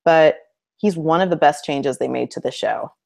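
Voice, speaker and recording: A woman's voice: low voice, normal speed, creaky, darkish tone. A woman co-hosting a casual fan discussion show, chatty and opinionated, who laughs while she talks. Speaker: co-host. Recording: web show hangout recording.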